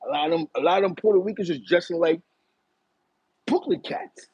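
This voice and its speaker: A middle-aged man from East Harlem with a New York accent, telling stories in a casual chat from a small room, animated and talking with his hands. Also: sits high, fairly quick, breathy edge, no room sound, lo-fi sound. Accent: New York City. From East Harlem, New York City. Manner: animated, gestures a lot while reminiscing. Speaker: host. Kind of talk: casual storytelling to a live chat. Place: small bright room indoors.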